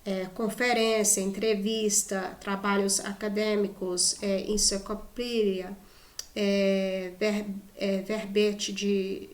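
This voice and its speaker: A woman's voice: mid-range voice, level tone, slow, reverberant. A Brazilian woman teaching English in casual Portuguese, chatty, often adding "né?" and restarting words. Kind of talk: casual video lesson.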